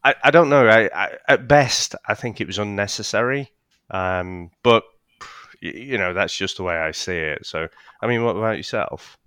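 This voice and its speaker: A man's voice: lowish voice, normal speed, a bit bright, clear, resonant tone, dry recording, clean studio sound. A man co-hosting a casual podcast, hesitant, with stammering restarts and casual swearing. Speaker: podcast co-host.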